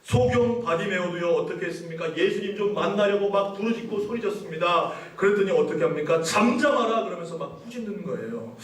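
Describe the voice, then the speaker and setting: A man delivers a sermon as a pastor, often asking his congregation questions and pressing his points with emphasis. His voice sits a little high. He is picked up from a distance in a very echoey church hall. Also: brisk, few pauses. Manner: preaching with questions to the congregation, rising emphatic passages. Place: church sanctuary.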